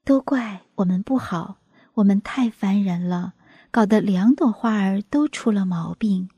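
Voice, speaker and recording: A woman's voice: medium pitch, unhurried, mellow, slightly rough, no echo. A woman voicing an anxious, apologetic little butterfly in a storybook tale. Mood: worried.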